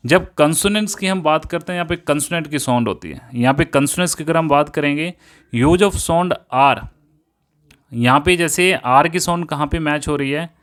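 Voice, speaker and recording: A man teaching an English poetry lesson, explaining step by step, often repeating himself and reading quoted lines slowly. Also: on the high side, fairly bright tone.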